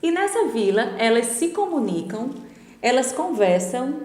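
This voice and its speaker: A middle-aged English teacher explains a lesson didactically, checking in with her students through quick tag questions. Her voice is fairly high with a darkish tone and very animated delivery, and the recording has a roomy echo with long reverb.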